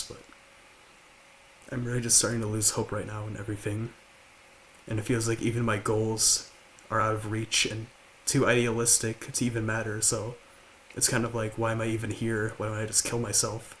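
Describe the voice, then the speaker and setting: A man's voice: lowish voice, completely flat delivery, fairly bright tone, slight background noise. Subdued young man with a slight lisp. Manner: halting, with many fillers and restarts. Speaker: vlogger. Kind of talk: confessional talk to camera. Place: large house, indoors.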